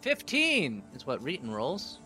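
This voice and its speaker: A man's voice: fairly high pitch, wildly swooping pitch, unhurried, pushed and bright, soft background music. A man bantering casually as a player at a tabletop role-playing game.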